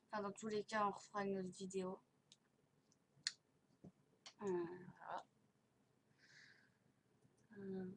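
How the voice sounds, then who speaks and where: A woman's voice: medium pitch, a bit bright. A woman hosting a casual game tour, hesitant and rambling, speaking with a barely opened mouth and slurred S sounds because of dental elastics. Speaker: host of a gaming video channel. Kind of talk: casual chat commentary touring a game. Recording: noisy home recording with clicking.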